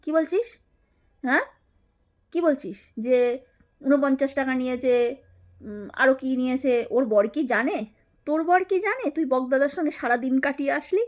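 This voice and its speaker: Brief: woman, 30s, high voice, mocking and scolding, hammers each point twice. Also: expressive, moderate pace, long pauses, lo-fi sound. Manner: taunting, scolding, repeats her jabs. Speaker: YouTube creator. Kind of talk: angry callout monologue to camera.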